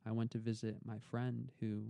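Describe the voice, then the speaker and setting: A man's voice: medium pitch, flat delivery, normal speed, vocal fry, mellow, dry recording. A young man, a podcast guest, telling his story in an earnest, reflective way, often repeating words as he gathers his thoughts. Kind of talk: storytelling in a casual interview.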